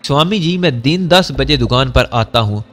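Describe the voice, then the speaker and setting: A man's voice: medium pitch, lively intonation, moderate pace, fairly bright tone, faint music behind, close to an everyday voice. A male storyteller voicing a curt, displeased middle-aged herbal doctor in a narrated audio story. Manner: curt, grudging.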